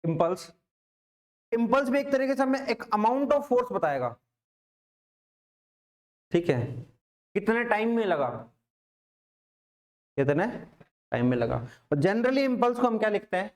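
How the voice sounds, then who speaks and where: Male physics teacher with a raised voice pitch, informal lecture style, keeps quizzing the class. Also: big pitch swings, unhurried, long pauses. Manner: casual, repeats questions to the class.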